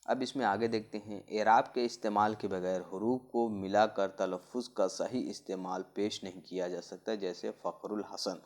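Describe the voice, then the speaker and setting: A man giving an exam-prep lecture on teaching methods, explaining slowly with many fillers and spelling out letter sounds. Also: fairly low pitch, steady tone. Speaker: Urdu pedagogy teacher.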